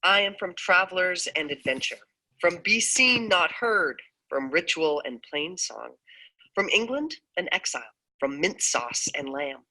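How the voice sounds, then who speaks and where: A woman's voice: on the low side, unhurried, low-quality recording. A woman radio host chatting playfully with her co-host and reading poem lines aloud. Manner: playful, animated.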